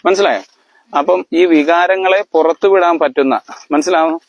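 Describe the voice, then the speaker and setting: A family elder with a fairly high voice gives a lecture-like talk to his family, heard on dull audio. He quizzes his listeners and keeps asking if they understand, his speech halting and peppered with fillers and restarts.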